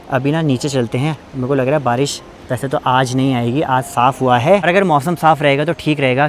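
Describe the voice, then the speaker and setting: A man's voice: medium pitch, a little hiss or hum. A young man from Uttarakhand, vlogging in a casual, chatty way while walking outdoors in hill country. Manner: chatty, leaning on fillers and loose restarts.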